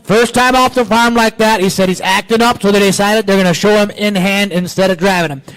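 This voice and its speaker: Man, auction announcer, high-pitched, conversational, describing horses. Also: fairly even intonation, fairly quick, a bit bright, clear, resonant tone, low-quality recording. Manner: plain conversational, relaying seller's notes. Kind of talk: describing sale lots. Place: livestock auction barn.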